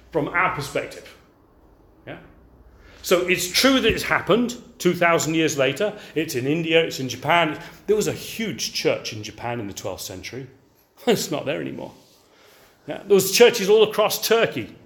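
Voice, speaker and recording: An older man from England preaching a sermon, animated and often checking in with the audience with rhetorical questions. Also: fairly high pitch.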